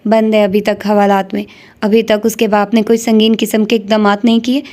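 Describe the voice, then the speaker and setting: A woman's voice: medium pitch, little pitch movement, a little mellow, close to an everyday voice. Woman reading as a hot-tempered young policeman. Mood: grim. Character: stern young male police officer, protective, hot-tempered.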